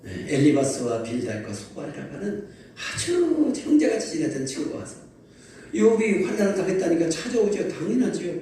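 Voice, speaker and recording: A male pastor delivers a Sunday sermon in a lively storytelling manner, often calling out to his listeners. His voice is mellow and dark. He is picked up from a distance in a very echoey church hall with faint ambience behind him. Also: fairly high pitch, fairly quick, a little hiss or hum. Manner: lively storytelling preaching, calls to the congregation. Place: large church sanctuary.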